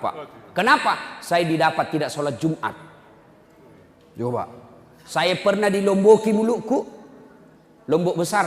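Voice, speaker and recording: Animated preacher in an echoey hall. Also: male voice, a little high, slight background noise. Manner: animated, acts out parents and children, jokes with the audience. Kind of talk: humorous sermon to a congregation. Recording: echoey hall with long reverb.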